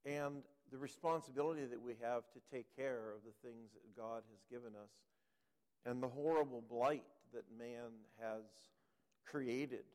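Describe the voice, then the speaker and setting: A man speaking to a church congregation as a guest speaker and author, earnest and unhurried, often pausing with ums. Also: medium pitch, darkish tone, in a large hall. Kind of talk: sermon. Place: church sanctuary.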